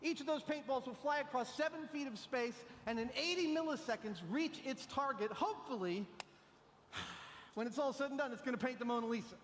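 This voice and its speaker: A man presenting a science demonstration like a showman, heard as a sped-up video clip with a chipmunk-like high voice. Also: a little fast, fairly bright tone, long reverb tail, a little hiss or hum.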